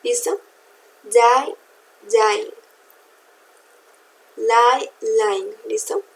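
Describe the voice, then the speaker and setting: A woman teaches English grammar in a recorded lesson, patiently spelling out letters and checking in with her students. Her voice is a little high, with drawn-out words and vocal fry, and the recording is low quality.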